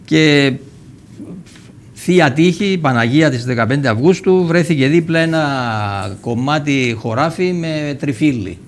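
A man's voice: a little high, lively intonation. An older man from Cyprus, a guest telling a personal story in a TV interview and acting out the dialogue as he goes. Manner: vivid storyteller who acts out quoted dialogue, with frequent restarts.

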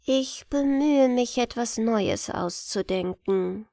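A woman voicing a timid crippled court jester, a male dwarf who answers flatly and hesitantly. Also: a little high, slow pace, vocal fry, no echo. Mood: flat, evasive. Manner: flat, hesitant.

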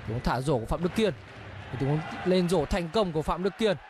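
A man's voice: fairly high pitch, lively intonation, fairly quick. A man giving live play-by-play commentary on a basketball game, calling out players and scores one after another. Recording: commentary over loud arena noise.

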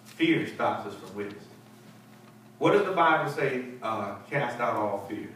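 A man's voice: mid-range voice, lively intonation, measured pace, a bit bright. A middle-aged man, a pastor, teaching a Bible study with emphatic preaching, repeating words and calling for responses. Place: church fellowship hall with seated group. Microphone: handheld mic, heard from a far camera. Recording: echoey hall from far off, faint hiss.

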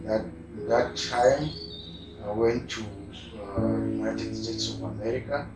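A middle-aged man from Kenya with a Kenyan accent, giving a personal account in a halting, hesitant way with long pauses. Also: on the low side, fairly even intonation, rough recording. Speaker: patient giving a testimonial. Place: small hospital room, in bed. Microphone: lapel mic. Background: music.

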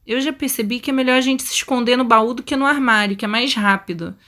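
Brazilian woman, gaming host, bright and higher-pitched, chatty, panicky commentary. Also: quick pace. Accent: Brazilian Portuguese. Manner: chatty, shrieks and pleads when startled. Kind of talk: horror game let's play commentary.

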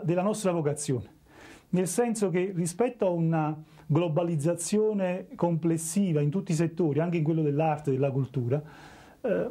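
Male publisher, thirties, very soft-edged tone, slightly high, halting interview answers. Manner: halting, repeats words while reasoning. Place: small office, indoors, seated.

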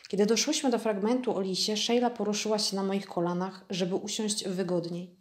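A woman's voice: medium pitch, fairly even intonation, fairly quick. Woman reading a book aloud in an echoey room.

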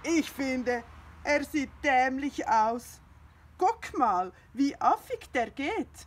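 A woman voicing a grumpy, jealous little male cat who talks in a sulky, whiny, loud way, reading a storybook aloud. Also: sits high, expressive, slow, pitched above the performer's own voice, exaggerated voice.

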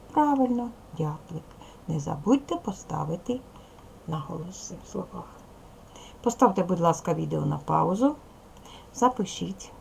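Slow, very gravelly woman teacher. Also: on the low side, dark tone, slight background noise, rough recording. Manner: patient, instructive, asks the class questions and praises answers. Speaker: primary school teacher. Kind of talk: recorded video lesson for young pupils.

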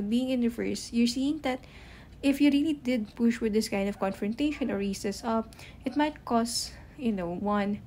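A woman with a fairly high voice gives a relaxed tarot reading to her viewers. She talks in a halting way, stacking up fillers and often starting sentences over. It comes across as easy, unscripted chat. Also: slight background noise. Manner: halting, heavy use of "you know" and "um" fillers; admits to stuttering, restarts sentences. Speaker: tarot reader. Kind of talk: casual tarot card reading to camera.

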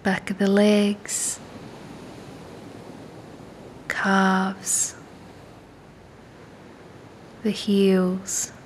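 A woman leads listeners through a body scan meditation, taking her time and pausing at length in a calm, soothing manner. She teaches meditation and yoga, and a faint low rumble runs underneath.

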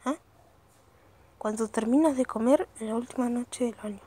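High-voiced excitable young woman. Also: normal speed, breathy edge. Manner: excitable, bursts into high shouted rants and swearing. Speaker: reaction video host. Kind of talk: meme reaction commentary.

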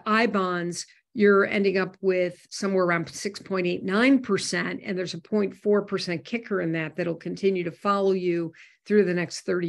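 A woman talks through a money webinar in a mid-range voice. Her delivery is loose and conversational, full of "um" and "you know" and small restarts. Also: medium pitch. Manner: conversational with frequent fillers and restarts. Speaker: host. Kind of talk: webinar talk on personal finance.

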